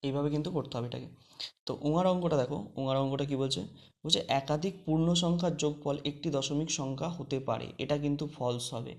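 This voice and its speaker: A male maths teacher walks students through an online lesson, step by step. He speaks quickly in a fairly high voice. He often stops to check whether the class has followed. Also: a little mellow. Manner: explains step by step, asks the class questions often.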